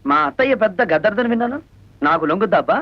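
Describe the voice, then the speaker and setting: A man's voice: sits high, expressive, racing, creaky, heavily acted. An actor playing a brash, cheeky young man who has come to court his cousins. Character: cocky young male nephew out to woo. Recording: dull film soundtrack with faint music.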